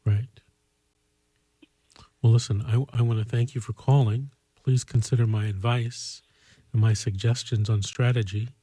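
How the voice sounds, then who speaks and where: Husky, mellow man giving advice. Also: medium pitch, fairly even intonation, moderate pace, long pauses, no room sound, poor audio. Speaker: call-in show host. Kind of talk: conversational legal advice.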